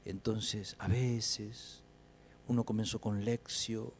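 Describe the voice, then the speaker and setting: Dramatic priest swinging between shouts and whispers. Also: male voice, lowish voice, little pitch movement, slow, slight background noise. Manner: dramatic, swinging from loud exclamations to hushed whispers; speaks intimately to listeners, acting out scripture quotes. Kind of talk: guided prayer teaching.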